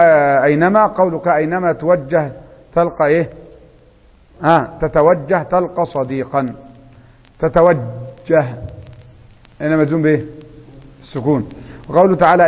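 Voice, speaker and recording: A man with an Egyptian accent teaching Arabic grammar, quizzing students and reciting examples slowly and drawn out. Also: a little high. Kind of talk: classroom grammar lesson. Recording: echoey hall, dull lo-fi sound.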